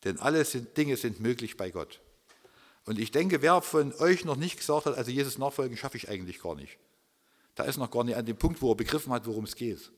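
A man preaching a sermon with earnest conviction, often dropping low and soft at the ends of his phrases. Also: lively intonation, quick pace. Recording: long reverb of a large hall.

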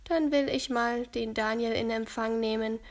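A woman's voice: a little high, fairly even intonation, normal speed, natural voice. Kindly old lady, as a woman puts her on. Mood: calm. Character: kindly elderly woman, dog owner.

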